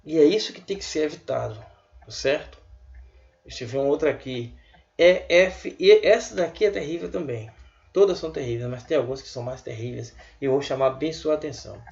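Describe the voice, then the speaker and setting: A man giving a casual online language lesson, chatty and repeating words slowly for his students. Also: fairly high pitch, vocal fry, a little mellow, dull audio. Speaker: language teacher.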